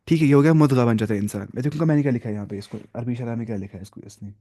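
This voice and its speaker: A man's voice: medium pitch, warm tone, no echo, clean studio sound. A man teaching a religious lesson, asking his listeners questions and repeating key terms as he explains them. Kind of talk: classroom lesson on hadith.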